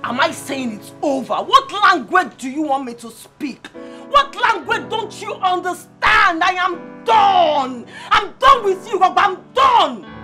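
A woman's voice: extremely high pitch, big pitch swings, unhurried, soft background music, heavily acted. An actress with a Nigerian accent playing a young woman who angrily throws out her cheating boyfriend. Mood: furious. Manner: sharp, scornful, shouting. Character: fed-up young girlfriend, furious and shouting.

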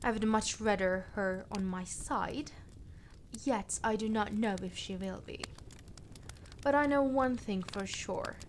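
Casting: woman to play a calculating young fire princess, commanding and conspiratorial, slow deliberate delivery, close-mic ASMR roleplay over audible ambience. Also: medium pitch, close to an everyday voice. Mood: conspiratorial, wary. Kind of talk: ASMR roleplay, addressing the listener. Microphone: close binaural microphone. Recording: clear background ambience noise. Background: crackling fire and night ambience.

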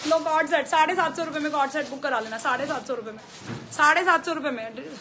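A woman with a high, bright voice and a Delhi accent hosts a live clothing sale, chatting and repeating her prices. Faint noise from the shop is heard behind her. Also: fast. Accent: Delhi Hindi with English mixed in. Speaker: clothing store owner selling live. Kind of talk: live sales stream.

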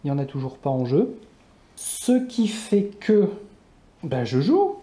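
A man's voice: on the high side, sing-song, a little slow, mellow. A man narrating a solo card game, muttering to himself and counting cards aloud. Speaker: board game player.

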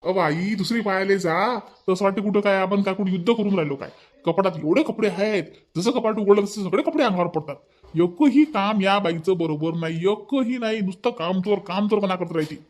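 A man voicing a bossy, petulant young husband in a cartoon, with a Vidarbha Marathi accent, nagging and repeating himself in rapid bursts. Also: high-pitched, darkish tone, natural voice. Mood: whining. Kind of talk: cartoon voice acting.

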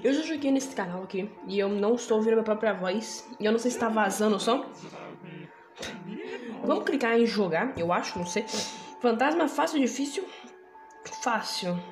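Brazilian accent, woman, let's play host, casual and profane, higher voice, faint game music behind. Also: animated, normal speed, pauses often, roomy sound. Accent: Brazilian Portuguese. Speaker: gaming channel host.

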